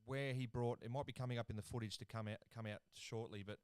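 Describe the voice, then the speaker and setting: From his lounge room, a young Australian host gives casual live-stream commentary on cricket in a clear, resonant, mid-range voice. He's a fast talker on a dry recording, laid-back and freely swearing, and he gets excitable over wickets.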